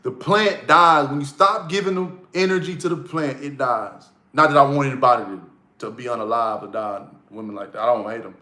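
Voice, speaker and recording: A motivational vlogger with a sharp-toned, medium-pitched voice gives a casual monologue at a slightly fast clip. He is blunt and profane, repeating key lines for emphasis, and the room around him is echoey.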